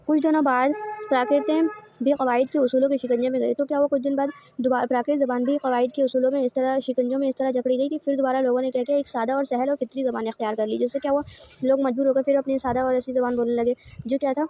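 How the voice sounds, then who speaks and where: A woman's voice: sits high, little pitch movement, dark tone. A woman giving an online lecture, asking rhetorical questions, answering them herself, and repeating each point in new words. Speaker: teacher. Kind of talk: online lecture explaining course notes.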